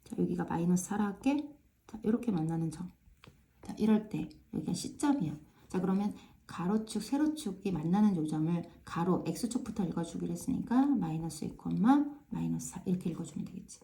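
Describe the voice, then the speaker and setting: Casting: woman math tutor, low-ish, very mellow tone, casual chatty lesson, keeps checking in with students. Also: lively intonation, moderate pace, vocal fry. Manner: frequent tag questions checking understanding; repeats filler "ja" to pace steps. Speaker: math teacher.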